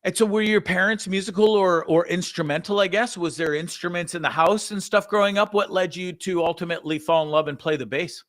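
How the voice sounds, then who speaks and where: Fairly high-voiced man, eager host. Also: brisk, few pauses. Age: 50s. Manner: enthusiastic, long rambling questions. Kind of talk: casual interview chat. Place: home room, video call. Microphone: video call mic.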